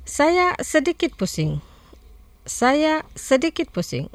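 A woman presenting a scripted radio language lesson, saying each word twice slowly and carefully. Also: high voice, very animated, no echo. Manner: slow, careful repetition of words.

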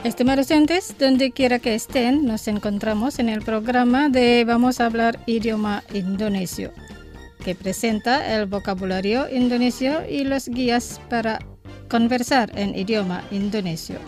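A woman's voice: a little high, a little slow, darkish tone, faint music behind. A woman presenting a radio language lesson, reading from a script and carefully saying each phrase twice so that listeners can repeat it.

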